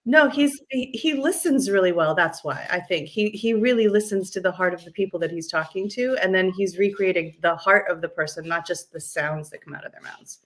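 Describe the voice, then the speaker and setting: A woman's voice: fairly low pitch, brisk, few pauses. A middle-aged woman who works as a voice and dialect coach, answering interview questions in an enthusiastic, articulate and explanatory way.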